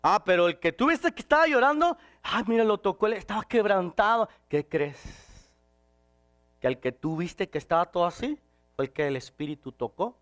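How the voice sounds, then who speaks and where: A man preaching a sermon, swinging from shouted passages to quiet, intimate ones. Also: high-pitched, expressive, moderate pace.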